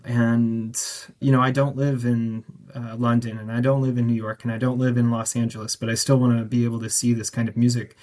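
A man talks as a guest on a radio interview about the festival he curates. He speaks thoughtfully, pausing with fillers at an ordinary pitch. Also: level tone, darkish tone. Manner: thoughtful, hesitant, many fillers.

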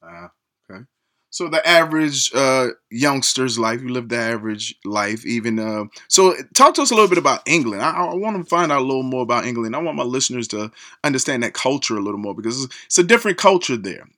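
A man's voice: medium pitch, expressive, a little fast, bright, forceful tone. A man hosting a radio interview show, hyped up and rambling through long questions full of fillers.

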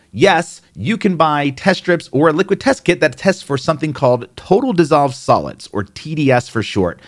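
A man with a New Jersey accent explaining hot tub care in a conversational, plainspoken way, with fillers and asides. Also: medium pitch. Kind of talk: instructional explainer.

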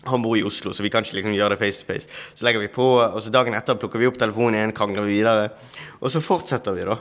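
Male guest, slightly low voice, lively storyteller full of restarts. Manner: animated storyteller, many fillers and restarts. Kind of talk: testimony in a talk-show interview.

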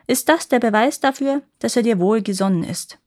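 A woman's voice: a little high, normal speed, darkish tone, lightly acted. A woman voicing a scheming old witch who talks persuasively. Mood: sly.

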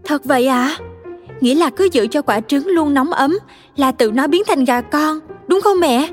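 A woman voicing an excited, curious five-year-old boy in a storybook reading, eager and full of questions. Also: normal speed, faint music behind. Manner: eager, questioning, high childlike voice.

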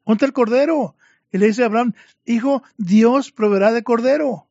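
A man's voice: extremely high pitch, moderate pace, gravelly, darkish tone, dry recording. A man preaching a fervent sermon to his congregation, addressing them again and again as brothers, in a dull lo-fi recording.

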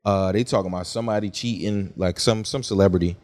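A man's voice: low-pitched, quick pace. A man in his twenties, a podcast co-host telling stories in casual chat and acting out what people said. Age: 20s. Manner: animated storytelling, acts out quotes.

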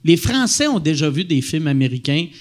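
Lively high-voiced Québécois man. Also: fairly quick. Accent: Québécois French. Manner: animated, joking. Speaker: comedian guest. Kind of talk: casual chat.

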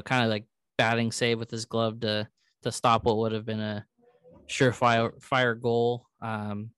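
A man with a clean, smooth voice co-hosts a relaxed sports podcast. He recaps things loosely, pausing on fillers as he searches for details. The sound is dry and close, with no room around it. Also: mid-range voice, no room sound. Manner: conversational, hedging with fillers. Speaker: podcast co-host. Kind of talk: casual sports chat.

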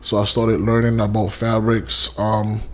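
A young man from Haiti tells his story in a relaxed interview. His voice sits fairly low, and he rambles with plenty of fillers and restarts. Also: a little slow. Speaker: interview guest, custom suit maker. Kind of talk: casual interview.

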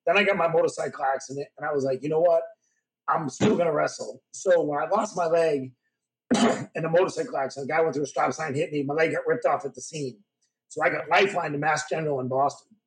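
Animated man telling stories, fairly high. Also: quick pace, rough recording. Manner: animated storyteller who acts out dialogue. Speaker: podcast guest, former pro wrestler. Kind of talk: casual storytelling interview. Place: podcast studio.

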